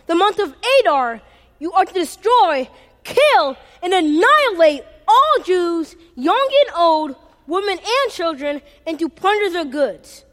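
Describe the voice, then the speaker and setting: A royal herald calls out a royal decree in a loud, proclaiming voice, as a woman plays the part. The voice is very high and swoops widely, ringing with a long hall reverb. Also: exaggerated voice. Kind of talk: amateur stage play acting.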